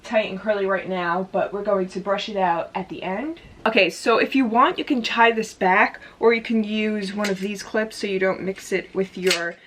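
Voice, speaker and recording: Chatty woman with a mid-pitched voice. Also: fairly even intonation, moderate pace, few pauses, fairly bright tone, a little hiss or hum. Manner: chatty, with frequent "like" fillers. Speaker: hair tutorial vlogger. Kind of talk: casual step-by-step demonstration. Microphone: camera in front of her.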